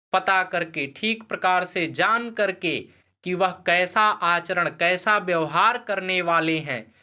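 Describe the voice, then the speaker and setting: Slow, bright-voiced man explaining verses. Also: high voice. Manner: slow, measured word-by-word glossing; chants verse slowly and louder. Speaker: Sanskrit teacher. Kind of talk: explaining a classical verse line by line.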